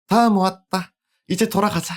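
Streamer as high-voiced wary little girl. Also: fairly even intonation, moderate pace, close to an everyday voice. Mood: wary, polite.

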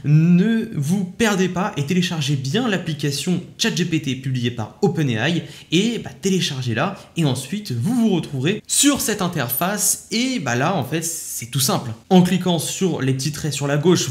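Chatty French tech vlogger, slightly high voice. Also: male voice, lively intonation, moderate pace, hardly any pauses. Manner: chatty, explains step by step with many fillers. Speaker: tech YouTuber testing an AI app. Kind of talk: casual tutorial commentary.

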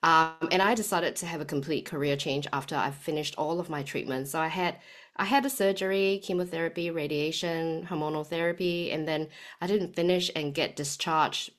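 A woman's voice: sits low, fairly even intonation, brisk, fairly bright tone. A woman in her forties from Singapore with a Singaporean accent and a slight New Zealand tinge, chatting as a podcast guest with frequent fillers. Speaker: guest, health coach. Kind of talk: podcast interview.

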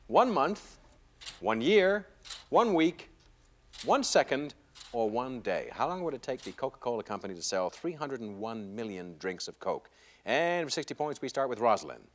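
A man in his thirties hosts a television game show. His medium-pitched voice swings widely up and down, and his manner is wry and conversational, with ad-libbed asides. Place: television studio. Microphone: lapel mic.

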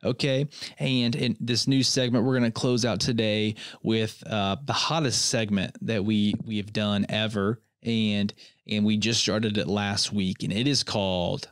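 A man's voice: on the low side, flat delivery, measured pace, smooth, no room sound, studio quality. A young man hosting a comedy podcast, rambling in a mock-earnest way and often restarting his sentences. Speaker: podcast host. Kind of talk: comedic solo podcast monologue.

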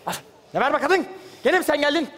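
Quick mocking male comic, high voice, live stage. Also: animated, a bit bright. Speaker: comedian playing a hospital orderly. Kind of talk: stage sketch comedy. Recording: live stage, hall reverb, audience.

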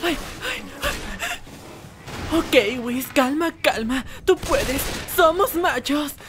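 With game music playing underneath, a woman gives an exaggerated, very animated and very slow high-voiced take on Whis, a timid, fussy male angel in a comic fan animation. He comes across camp and panicky-excited, forever sighing "ay" and shrieking whenever frightened.

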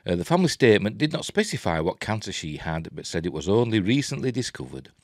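Here the Yorkshireman in his sixties talks fast and very animatedly, his fairly low voice clean and studio-crisp without any room sound. As host of a film and TV news vlog, he delivers casual, hesitant, rambling news commentary from a small, messy room in his home.

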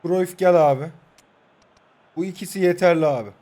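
A young man in his twenties narrates his own football match on his phone. His voice sits high, and he keeps egging his players on and mocking his rival. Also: normal speed, warm tone. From Turkey. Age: 20s. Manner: heated, urging players on, trash-talking the opponent. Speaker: mobile football gamer. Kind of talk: live gameplay commentary.

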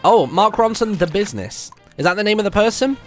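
Lively British man with a higher-pitched voice. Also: brisk. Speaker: video game streamer. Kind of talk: casual live gameplay commentary, chatting with viewers. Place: indoor room, streaming setup at home. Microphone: close microphone on a stand. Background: video game music.

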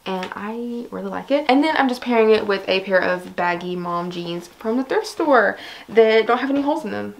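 A woman's voice: medium pitch, lively intonation, normal speed, creaky. A young woman chatting casually to camera in a fashion try-on vlog, bubbly and giggly, full of fillers, a little out of breath. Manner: bubbly, giggly, lots of fillers like "like" and "I don't know". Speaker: fashion vlogger.

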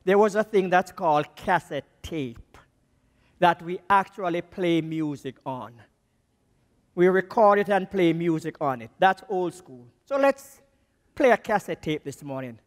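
Slow, emphatic Jamaican preacher in a reverberant church. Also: male voice, lively intonation. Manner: slow and emphatic, voice dropping low on key words. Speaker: missions speaker preaching. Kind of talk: sermon. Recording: long reverb of a church hall.

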